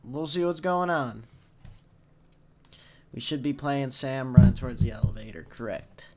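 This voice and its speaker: Congested man doing excitable game commentary. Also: mid-range voice, moderate pace. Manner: excitable, joking, swears. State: congested from illness. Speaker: gameplay commentator. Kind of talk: casual let's play commentary.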